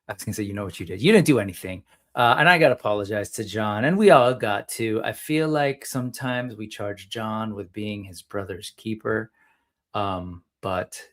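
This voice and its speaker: A man's voice: lowish voice, fairly bright tone. Rambling male toy livestream host. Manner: rambling, self-interrupting, self-deprecating. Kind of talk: casual solo livestream chat.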